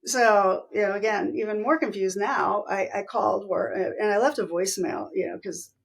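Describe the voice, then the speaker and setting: A middle-aged woman speaks candidly as an interview guest, her voice carrying a gravelly fry. She retells events vividly, lifting her pitch sharply to act out what others said. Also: moderate pace, a little hiss or hum. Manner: animated retelling, acting out quoted voices with pitch jumps. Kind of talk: candid personal storytelling.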